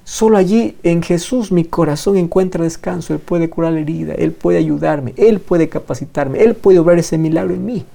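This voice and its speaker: A man's voice: fairly high pitch, normal speed, gravelly, few pauses, dark tone. A man preaching a sermon, emphatic and fond of repeating phrases for effect.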